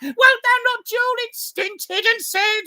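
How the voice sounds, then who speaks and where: A woman's voice: very high-pitched, measured pace, pushed and bright, exaggerated voice. A woman voicing a chatty, fond old nurse who rambles through memories and keeps breaking into giggles, in a theatrical play reading. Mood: giggling.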